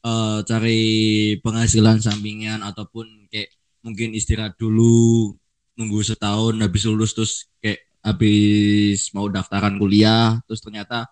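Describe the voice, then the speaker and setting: A man's voice: on the low side, completely flat delivery, unhurried, a little mellow, low-quality recording. A man with a Javanese accent hosting a casual interview in a slangy, joking way. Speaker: podcast host.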